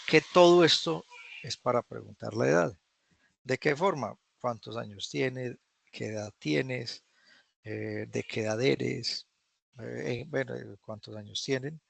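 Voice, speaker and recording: Male teacher, heavy vocal fry, dry video-call audio, patient and repetitive. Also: mid-range voice, no room sound. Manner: patient, repeats phrases slowly for drilling. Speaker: English teacher. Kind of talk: online class teaching.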